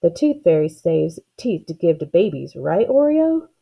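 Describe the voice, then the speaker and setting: A woman's voice: lowish voice, very animated, moderate pace, gravelly, dark tone, husky, heavily acted. A woman voicing an ornery young country boy in a storybook, a teasing know-it-all with a matter-of-fact, folksy manner.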